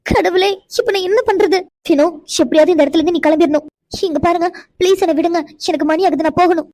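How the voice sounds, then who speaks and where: A woman's voice: extremely high pitch, fairly even intonation, quick pace, a little mellow, dry recording, studio quality. A woman voicing a shy, frightened young woman in a cartoon, who stammers and pleads. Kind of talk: cartoon voice acting.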